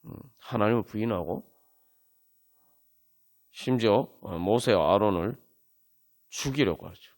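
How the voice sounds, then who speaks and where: A man's voice: lowish voice, measured pace, long pauses, darkish tone. A man preaching a sermon at a Friday prayer meeting, earnest and full of fillers, building to emphatic peaks. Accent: Seoul Korean. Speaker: pastor. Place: church sanctuary.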